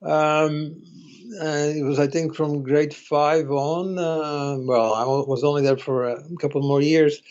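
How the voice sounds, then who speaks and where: A man in his sixties from Slovakia, a guest on an interview podcast, telling his story in a reflective, unhurried way. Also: on the high side, level tone, darkish tone, muffled recording. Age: 60s. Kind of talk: casual interview conversation.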